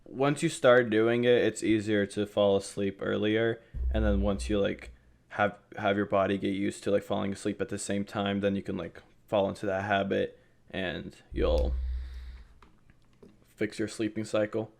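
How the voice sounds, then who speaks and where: A man's voice: fairly low pitch, moderate pace, gravelly. Young man co-hosting a casual podcast. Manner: relaxed, teasing, talks in rambling bursts. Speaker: podcast co-host. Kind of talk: casual chat.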